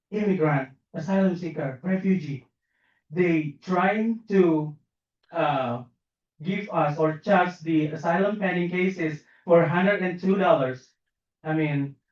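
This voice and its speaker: A man from Aceh in Indonesia gives halting, earnest personal testimony on a panel as an asylum seeker. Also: sits high. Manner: earnest, halting, with many fillers and restarts. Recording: echoey, distant, dull sound.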